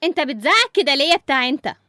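Brief: woman voicing taunting island woman, high and quick. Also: lively intonation, sharp tone, dry recording, studio quality. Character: mocking island woman, bossy.

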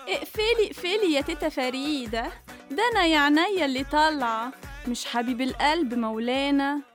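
A woman's voice: sits high, fairly quick, faint music behind, lightly acted. A woman playing a cheeky young Egyptian woman, brash, slangy and mocking, in a radio comedy serial.

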